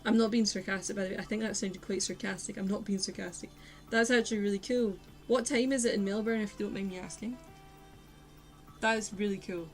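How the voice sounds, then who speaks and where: A woman's voice: mid-range voice, fairly even intonation, a little fast, faint music behind, rough recording. A young woman chatting casually with her viewers as she paints on a livestream, laughing often and talking to herself. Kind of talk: casual chat while painting.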